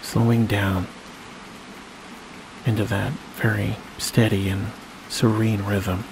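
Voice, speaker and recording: A hypnosis guide with a lowish voice leads a sleep meditation, speaking very evenly, slowly and soothingly, with long pauses between short phrases. A clear wash of rain-like noise plays behind him.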